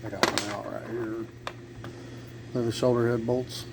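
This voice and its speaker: He talks unhurriedly in a mid-range voice with little pitch movement, casually working through the repair out loud as an amateur car vlogger. The recording picks up obvious background noise and vehicle ambience.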